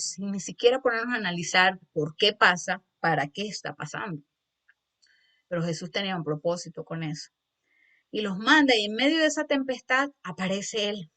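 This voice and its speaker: Woman preacher telling a story lively. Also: mid-range voice. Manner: lively storytelling, often addressing the congregation as brothers; acts out the scene with raised voice at dramatic moments. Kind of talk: sermon.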